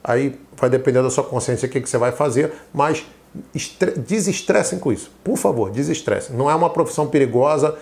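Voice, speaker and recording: A man's voice: medium pitch, expressive, a little fast, creaky, a little mellow. A middle-aged man with a Carioca accent, a tax auditor giving casual, emphatic advice to viewers and acting out their imagined questions. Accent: Carioca Brazilian Portuguese. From Rio de Janeiro. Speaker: tax auditor and exam-prep teacher.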